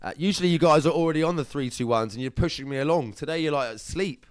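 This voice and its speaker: A man's voice: fairly high pitch, fast talker, clean tone, dry recording, clean studio sound. A young man, hosting a live competition draw in casual, upbeat chat, calling viewers lovelies and brother.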